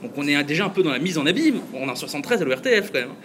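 A man with a somewhat high voice hosts a casual podcast chat and talks easily at length. He laughs often. Faint ambient hiss sits under his voice. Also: very animated, rapid-fire, fairly bright tone. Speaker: podcast host.

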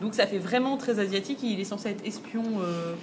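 Fast chatty woman on a podcast, kinda high, noisy background. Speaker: podcast co-host. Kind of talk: casual chat.

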